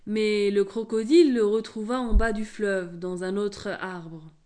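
Female storyteller, calm, measured read-aloud, mid pitch. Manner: calm, clear, measured reading.

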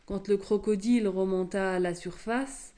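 Female storyteller, calm, measured read-aloud, mid pitch. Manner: calm, clear, measured reading.

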